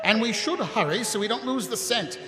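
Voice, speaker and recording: A man's voice: high-pitched, expressive, moderate pace, a loud crowd. A man playing a cynical, exasperated city watch captain with a tense, sardonic manner in a live radio comedy. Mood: wry. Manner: sardonic, tense, barking orders. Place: live on stage in a large hall. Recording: reverberant hall, live stage performance.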